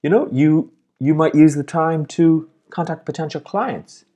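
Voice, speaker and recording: A man's voice: fairly high pitch, a little slow, dark tone, muffled recording. A man hosting a motivational video as a life coach, talking in an upbeat, encouraging way and smiling as he speaks. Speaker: life and business coach, host.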